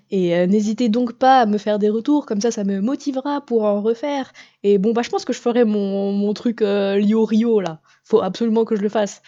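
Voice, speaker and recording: Rambling, chatty woman vlogger, mellow tone. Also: medium pitch, muffled recording. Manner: rambling, chatty, lots of fillers and self-corrections; jokey, self-deprecating. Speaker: YouTuber and comic artist. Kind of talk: casual vlog addressed to the viewer.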